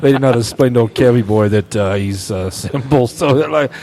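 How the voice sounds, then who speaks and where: A man co-hosting a casual podcast chat who talks quickly, stumbling and repeating words as he restarts. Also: mid-range voice, mellow, a little hiss or hum. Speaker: podcast co-host.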